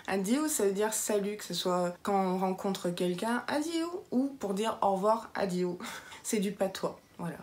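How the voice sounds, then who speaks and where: A woman's voice: medium pitch, moderate pace. A young woman from southwest France, with a light southwestern French accent, chatting playfully to camera as a vlogger. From southwest France (Béarn). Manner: chatty, playful, lively asides. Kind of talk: casual chat to camera.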